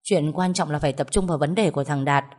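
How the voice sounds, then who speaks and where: A woman's voice: low-pitched, fast talker, a little mellow. Woman voicing an anxious young wife. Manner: anxious, urgent questioning. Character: worried young married daughter, caring peacemaker.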